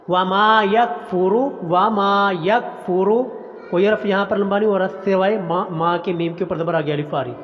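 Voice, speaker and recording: A man teaching a Quran recitation lesson, chanting words slowly and drawn out, then explaining pronunciation in quick plain talk. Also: fairly high pitch. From Pakistan. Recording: dull audio with long reverb.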